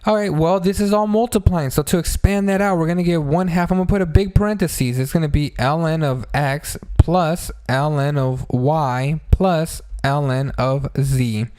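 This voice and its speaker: A male math teacher with a slightly high, somewhat mellow voice gives an informal tutorial, explaining problems step by step and addressing listeners as friends in a chatty way. He speaks at a normal speed with few pauses, though his throat is sore and pained from a blow. The recording is dry.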